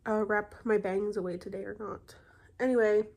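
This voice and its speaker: Congested young woman rambling on her vlog, lots of ums, mid pitch. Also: steady tone, moderate pace, creaky, darkish tone. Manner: rambling, chatty, many fillers and self-corrections. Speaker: vlogger. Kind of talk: casual chat.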